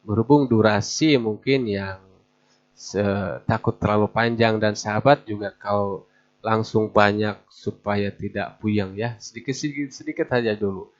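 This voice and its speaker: A man teaching Quran recitation rules to beginners, patiently repeating each example with slow, drawn-out recitation. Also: lowish voice, steady tone. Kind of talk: tajwid lesson for beginners. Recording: dull lo-fi recording.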